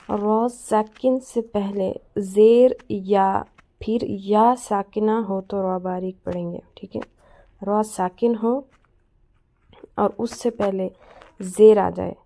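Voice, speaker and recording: A woman teaching a Quran recitation lesson. She explains each rule patiently and says every example word slowly and clearly. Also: medium pitch, warm tone. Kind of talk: tajweed lesson.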